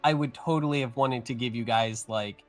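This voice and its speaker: A man's voice: medium pitch, normal speed, faint music behind. A man running an online tabletop game, chatting casually with his players and filling his talk with "like" and "um". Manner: rambling, fills speech with "like" and "um". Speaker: game master. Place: online voice chat.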